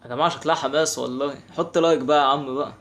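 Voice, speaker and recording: A man's voice: fairly high pitch, slight background noise. A young man with an Egyptian Arabic accent giving casual, exasperated commentary while playing a game. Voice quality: quick, animated, exasperated banter. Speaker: gaming channel host.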